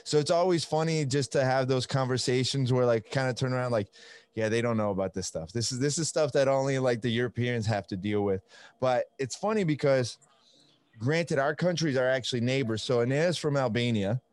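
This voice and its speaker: A man's voice: medium pitch, fairly quick, a little mellow. A young man with an Italian accent hosting a podcast, talking in a rambling, upbeat way full of fillers. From Italy. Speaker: podcast host. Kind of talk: casual interview chat.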